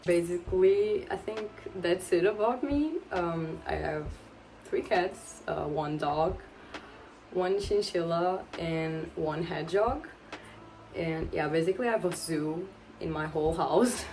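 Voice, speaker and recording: With her pets around her at home, a woman in her twenties who vlogs about books chats casually to camera in her native Portuguese manner, a little awkward and rambling, laughing frequently. Her voice sits on the low side and sounds a little mellow at a measured pace. A faint hiss or hum is audible.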